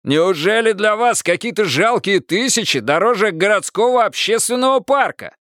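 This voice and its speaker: A man voicing a pompous male mayor who shouts down a rowdy crowd in an audiobook, loud and strained. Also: on the high side, very animated, normal speed, no room sound, clean studio sound, voice pushed up. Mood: exasperated.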